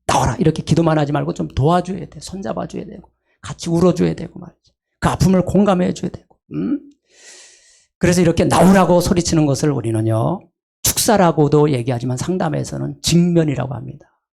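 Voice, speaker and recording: A middle-aged man leads a sermon as pastor, his voice carrying a rough, gravelly texture. He talks straight to the congregation, tossing in short questions to keep them with him. Now and then he breaks into loud acted calls, then pulls back to low asides. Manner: asks the congregation short checks like "eh?" and "right?".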